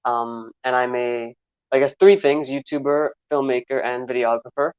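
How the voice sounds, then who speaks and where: A guest filmmaker in his twenties, from Trinidad and with a New York accent, gives easygoing, rambling interview answers full of fillers and restarts. His mid-range voice is smooth, with fairly even intonation at a moderate pace. The recording is dry and slightly dull.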